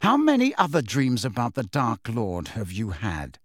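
A man voicing a cold, sneering middle-aged male potions master who talks in a slow, low, menacing drawl. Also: wildly swooping pitch, no room sound, clean studio sound. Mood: sneering menace.

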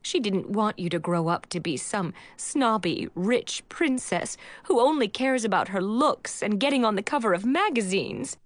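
A woman's voice: mid-range voice, huge pitch swings, measured pace, no echo, exaggerated voice. A woman voicing a defensive middle-aged aunt who stammers and turns tearful. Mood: tearful pleading.

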